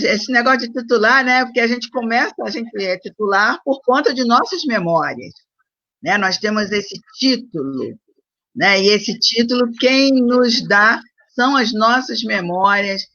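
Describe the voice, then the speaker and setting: A woman teacher speaks on a video call with a bright, forceful voice. The sound is dry and somewhat muffled. She is firm and keeps asking "né?" at the end of her sentences. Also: medium pitch, no echo. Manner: uses the tag "né?" again and again, firm. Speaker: panelist, school teacher. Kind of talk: opening remarks in an online debate.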